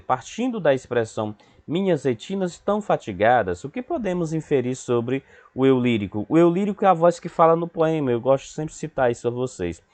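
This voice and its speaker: A man's voice: mid-range voice, darkish tone. A man with a Brazilian accent teaching a Portuguese class, explaining patiently and often checking in with his students. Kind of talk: recorded remote class lesson.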